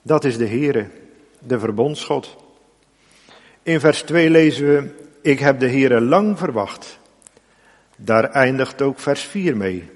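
A man preaching a sermon as pastor, earnest and deliberate, rising to emphatic appeals to the congregation. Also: medium pitch, animated, in a large hall. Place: church.

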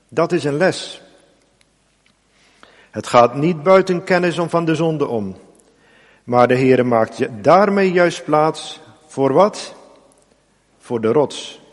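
Slow, earnest preacher in a reverberant church. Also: male voice, fairly high pitch. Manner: slow, earnest preaching with emphatic rising appeals. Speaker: pastor. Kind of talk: sermon.

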